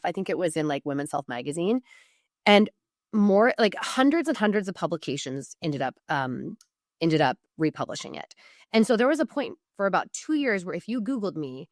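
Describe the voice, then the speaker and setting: A fairly low-pitched American woman from Oregon gives informal business coaching in a podcast interview, conversational and marked by emphatic asides and self-interruptions. The studio-quality audio carries no room sound.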